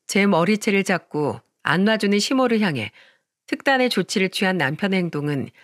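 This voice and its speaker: A storyteller reads a first-person radio drama script. The delivery is even and steady at a middle pitch. The recording is dry and close to the mic. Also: dry recording. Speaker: narrator.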